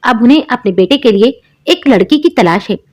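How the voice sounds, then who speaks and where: A woman's voice: a little high, animated, moderate pace. A woman voicing a harsh, spiteful sister-in-law who taunts and scolds in a cartoon story. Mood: urging. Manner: sharp, taunting.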